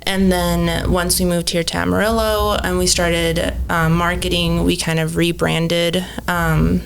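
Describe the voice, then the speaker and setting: A woman in her thirties, born in Mexico and raised in Phoenix, owns a cleaning business and is chatting casually as a guest on a podcast interview, full of ums and likes. Her voice sits on the low side with little pitch movement, a measured pace, and vocal fry. There's slight background noise.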